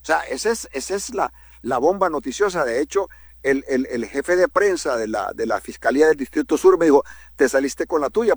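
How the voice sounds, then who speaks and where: A man's voice: medium pitch, breathy edge, no room sound. A man, a journalist from Honduras, telling a story in emphatic commentary, repeating words and swinging his delivery up and down.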